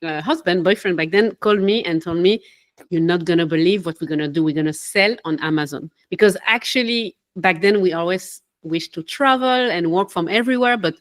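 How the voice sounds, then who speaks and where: A young woman from Switzerland, a life coach and podcast guest, talking in an animated, casual way with small laughs and self-corrections. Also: on the low side, a little fast. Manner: animated, laughs between phrases, loses her train of thought. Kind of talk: casual interview talk.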